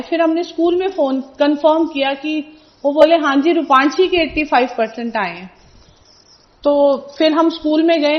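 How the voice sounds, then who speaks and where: A high-voiced middle-aged woman recounts family stories as a devotional testimony. She tells it in an animated way, acting out what each person said. The sound is dull and lo-fi. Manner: storytelling, animated retelling of family events with quoted dialogue.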